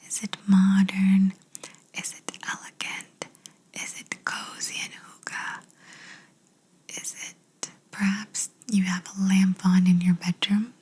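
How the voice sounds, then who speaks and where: A woman whispering slowly in an ASMR video, guiding the listener through gentle imagination questions. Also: medium pitch, little pitch movement, rough recording. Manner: slow soft whisper, asking gentle questions. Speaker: ASMR creator.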